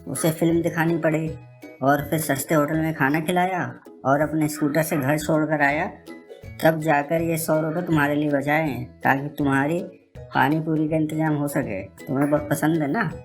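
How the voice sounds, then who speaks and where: A man's voice: fairly high pitch, flat delivery, normal speed, soft background music, pitched above the performer's own voice, natural voice. A man voicing a sly middle-aged husband who talks his way out of trouble in a joke.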